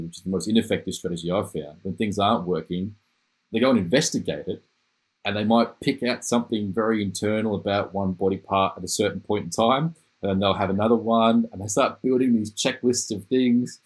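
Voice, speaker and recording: Low husky guy hosting a podcast, rambles on excitedly, keeps restarting his sentences. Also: rough recording. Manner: enthusiastic, rambling, restarts phrases. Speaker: podcast host. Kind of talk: casual conversational interview.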